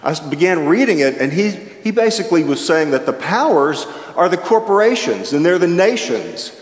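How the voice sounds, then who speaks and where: An older man with a slightly high voice and a moderate pace delivers a reflective sermon from a lectern in a large chapel with an audience, gesturing widely and shifting his pace. He speaks into a stand microphone, and the echoey chapel sounds distant.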